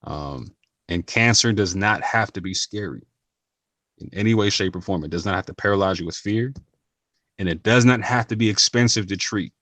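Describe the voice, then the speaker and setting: Low-voiced earnest man vlogging. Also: normal speed, fairly bright tone, dry recording. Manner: earnest, slangy, repeats and restarts phrases. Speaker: channel host. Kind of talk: casual talk to camera.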